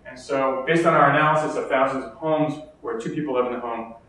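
A man's voice: medium pitch, fairly even intonation, quick pace, bright, forceful tone. A man with an American accent giving a conference keynote lecture, explaining steadily with the odd filler and restart. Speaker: keynote speaker. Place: lecture hall. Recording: echoey hall, distant mic.

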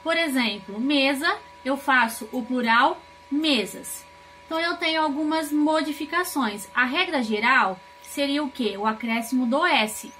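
High-voiced slow Brazilian woman teaching. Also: lively intonation, sharp tone, slight background noise. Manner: slow, explains with rhetorical questions. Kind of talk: recorded grammar lesson.

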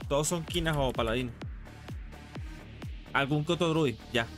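On a live gaming stream with music playing, a man with a Latin American Spanish accent chats casually at a moderate pace in a fairly high voice. His talk is informal and slangy, with some casual swearing.

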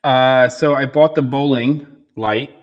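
A man with a medium-pitched voice talks casually as a livestream co-host. The room gives his words an echoey, cave-like sound. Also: takes it slowly, muffled recording.

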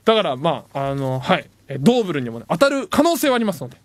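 A man hosting a late-night radio show, reading listener messages in playful, self-mocking banter and jumping suddenly into higher tones. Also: sing-song, quick pace, no echo. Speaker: radio host. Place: radio studio. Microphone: studio microphone.

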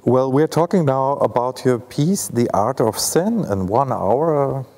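A man in his forties with a German accent hosts a film talk at a festival in an ornate indoor hall, asking thoughtful, hesitant questions full of fillers. His voice is medium-pitched and a little mellow, with lively intonation and an unhurried pace.

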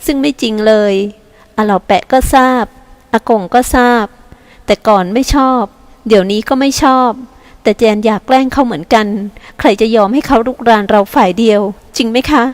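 A woman narrator voicing a young woman pleading softly at an old man's bedside, with an earnest, gentle delivery. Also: fairly high pitch, moderate pace, close to an everyday voice.

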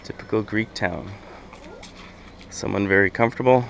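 A man's voice: on the low side, moderate pace, gravelly. A man from Canada casually narrating a family travel vlog while walking outdoors, explaining what he sees. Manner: relaxed, explaining as he walks. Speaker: sailing family vlogger. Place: outdoors on a windy volcanic island. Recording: loud wind noise on the mic.

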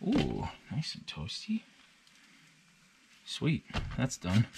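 A man's voice: medium pitch, wildly swooping pitch, drawn-out words, gravelly, very noisy. A man vlogging casually outdoors in snowy woods, rambling in an easygoing way while hauling hunting gear and cooking on an action camera. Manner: easygoing, rambling, talks to his dog. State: out of breath.

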